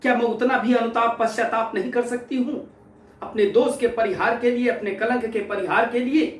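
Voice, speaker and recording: A man's voice: very high-pitched, steady tone, normal speed, roomy sound, far from the mic. A man teaching a Hindi poem, explaining each line and repeating phrases with many synonyms, with dramatic stress on the quoted verses. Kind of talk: explaining a poem in a class lesson.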